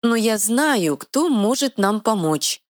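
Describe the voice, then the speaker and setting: A woman voicing a tiny, sharp-tongued female fairy guardian with quick retorts, in a dry close recording. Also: fairly high pitch, very animated, no echo, pitched above the performer's own voice. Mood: feisty.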